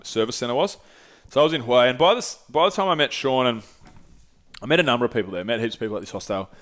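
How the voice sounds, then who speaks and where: Laid-back young man, smooth voice. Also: medium pitch, a bit bright. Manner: rambling, laid-back, swears freely, lots of fillers. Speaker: podcast guest telling travel stories. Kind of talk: casual storytelling.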